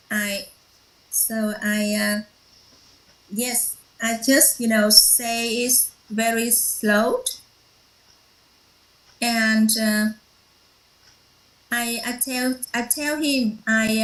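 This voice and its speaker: A woman whose first language is Vietnamese shares a personal story at a workshop, halting often with fillers and restarts. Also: a little high, roomy sound, rough recording. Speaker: workshop participant.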